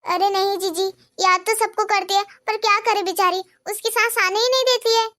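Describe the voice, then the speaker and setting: A woman's voice: very high voice, fairly even intonation, moderate pace, sharp tone. A woman voicing a gossipy, meddling middle-aged neighbor in a cartoon, with a chatty, prying, complaining way of talking. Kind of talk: cartoon dubbing.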